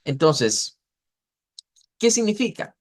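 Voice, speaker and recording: Teaching pronunciation in an online class, a man speaks in a slightly high, sing-song voice. His manner is explanatory, and he says the words again slowly to demonstrate how they sound.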